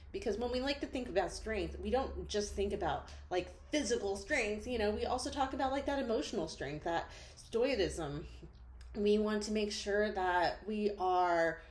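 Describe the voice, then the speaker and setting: A woman therapist reflecting on a film character in a thoughtful, gently questioning way, with lots of casual fillers. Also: mid-range voice. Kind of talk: reflective solo talk to camera. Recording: roomy echo.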